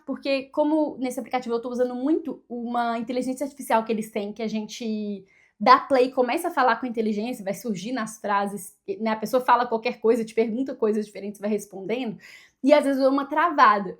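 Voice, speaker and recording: A woman with a Brazilian Portuguese accent, chatting casually to the camera at her desk and thinking aloud, often tagging her sentences with quick questions to the viewer. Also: high-pitched. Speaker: vlogger.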